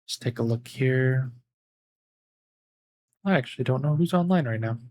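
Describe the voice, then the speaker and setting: A man livestreaming in a relaxed, rambling way, with lots of fillers and a voice that is giving out as he wraps up his stream. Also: medium pitch, moderate pace. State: losing his voice. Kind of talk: casual stream sign-off chat.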